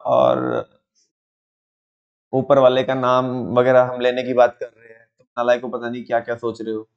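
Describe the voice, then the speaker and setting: A young man lectures a class, spinning little stories and putting on quick voices for the people in them. He keeps checking in with his students. His voice sits in a middle range, and the recording is a bit muffled. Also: mid-range voice, completely flat delivery, creaky. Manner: storytelling, asks students questions, acts out quotes. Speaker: teacher. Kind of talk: lively classroom lecture with acted examples.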